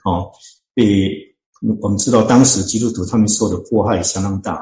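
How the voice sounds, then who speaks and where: A man, a church deacon and author, explains scripture in an interview, talking earnestly and slowly finding his words with many drawn-out fillers. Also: on the low side, steady tone, warm tone, roomy sound, rough recording. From Chinese-speaking, living in Canada.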